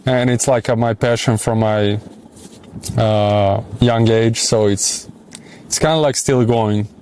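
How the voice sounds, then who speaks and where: Serbian-accented man, smooth clear voice. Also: fairly low pitch, fairly even intonation, takes it slowly, a little mellow. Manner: hesitant, many fillers, thinks aloud. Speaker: interviewee. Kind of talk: casual street interview.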